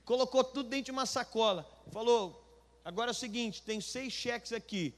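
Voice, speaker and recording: Animated Brazilian pastor in a reverberant church. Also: male voice, very high voice, brisk. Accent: Brazilian Portuguese. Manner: animated, acts out dialogue, rising to near shouting. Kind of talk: storytelling sermon. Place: church hall. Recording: live church hall with long reverb.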